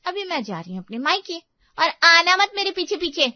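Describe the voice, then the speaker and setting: A shrill, sulky young bride in a cartoon story, played by a woman, her high voice snapping into petulant complaints. The sound is dry and dull, like a lo-fi studio take. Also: lively intonation, fairly quick, dry recording. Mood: sulky, angry. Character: sulky young bride, quick-tempered and tearful.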